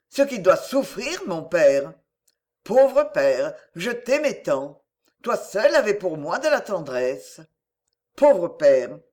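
Slow, expressive woman reading a story. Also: on the low side. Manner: conspiratorial, addressing the listener directly. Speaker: reader. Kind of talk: dramatic literary reading.

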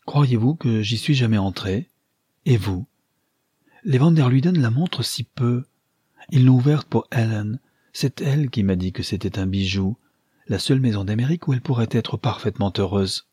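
Cheerful naive young wife, eager chatter, husky timbre, read by a man. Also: mid-range voice, normal speed, no echo, studio quality, natural voice. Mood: excited. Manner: bright chattering delight. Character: cheerful young newlywed woman, lively and naive.

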